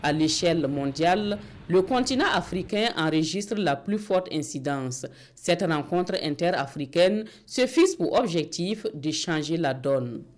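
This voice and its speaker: A woman narrating a scripted TV news report in an even, formal tone. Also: fairly low pitch, unhurried, hardly any pauses.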